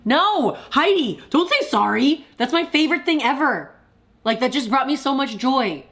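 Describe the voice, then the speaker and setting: A woman's voice: high-pitched, animated, a bit bright. A young woman hosting a casual live stream, talking in a chatty, confessional way with lots of "like" and reading viewer comments aloud. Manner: chatty, confessional, with frequent "like" and quick laughs.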